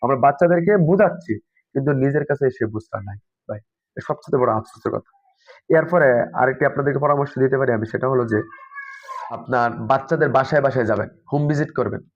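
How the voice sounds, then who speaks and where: Fast-talking earnest man advising madrasa teachers. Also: medium pitch, no echo, lo-fi sound. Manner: earnest, preachy, repeats "ha" and "inshallah". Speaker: Quran teacher trainer. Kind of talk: advice talk to madrasa teachers.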